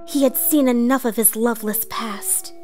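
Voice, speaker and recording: Slightly high and steady, her near-everyday voice moves at a normal pace over music. Once again she's the earnest, dramatic narrator of a storybook read-along, voicing a theatrical comic author-narrator persona as a woman.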